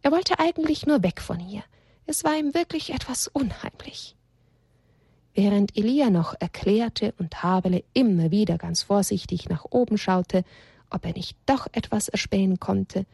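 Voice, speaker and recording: A woman reading a children's story aloud in a gentle, expressive storytelling voice. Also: medium pitch, vocal fry, husky, dry recording, studio quality.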